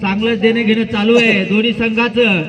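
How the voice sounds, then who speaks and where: Man announcing through an outdoor loudspeaker. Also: flat delivery, a little fast. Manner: calls scores in a high, raised sing-song. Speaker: match announcer. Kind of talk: live kabaddi commentary. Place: outdoor match ground. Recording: crowd noise at outdoor ground.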